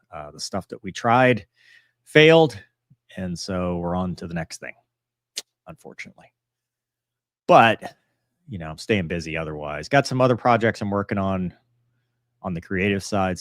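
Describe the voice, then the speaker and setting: A man with a deep voice hosts a casual live Q&A stream, answering viewer messages in a rambling, matter-of-fact way that often trails off. He is a pilot and author, and the recording is dry and studio quality.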